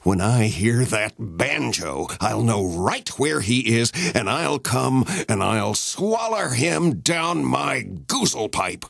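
A male storyteller voicing a humiliated, angry male cougar with a slow, menacing drawl. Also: mid-range voice, big pitch swings, fairly bright tone, no echo, studio quality, exaggerated voice. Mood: vengeful. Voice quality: gravelly, husky growl.

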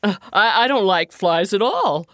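Big jolly storybook bear guy, hearty and loud, rambling with chuckles , played by a woman. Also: mid-range voice, expressive, unhurried, no room sound, studio quality. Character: big jolly male bear, good-natured.

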